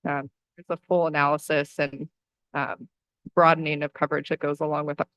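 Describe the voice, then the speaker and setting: A woman presenting insurance coverage to a school board, steady and reassuring, with some filler words. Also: low-pitched, brisk, clear, resonant tone, dry recording, low-quality recording. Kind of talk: formal presentation at a meeting.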